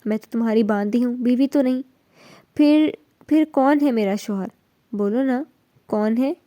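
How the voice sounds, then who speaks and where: A woman's voice: a little high, steady tone, no echo, muffled recording, close to an everyday voice. A woman voicing a heartbroken young wife in shock in a storybook reading, speaking in a dazed, pleading way.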